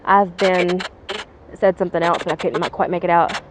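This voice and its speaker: A woman's voice: on the low side, fairly even intonation, moderate pace. A woman hosting a casual ghost-hunting vlog outdoors, chatting informally to viewers and calling out questions to spirits. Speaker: ghost-hunting vlogger and host. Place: outdoors at a bridge. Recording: clear background noise, clicks.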